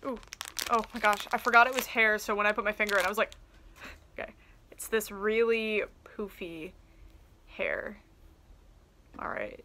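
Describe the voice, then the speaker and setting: A young woman in her twenties chatting casually through a toy unboxing in a small room, excitable and full of "um" and "like", filmed by a camera on her desk. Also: mid-range voice, normal speed, long pauses, slight background noise. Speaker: toy collector vlogger. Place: small indoor room lined with doll shelves. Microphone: camera on desk at close range. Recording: loud crinkling of plastic packaging. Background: crinkling packaging and clicks.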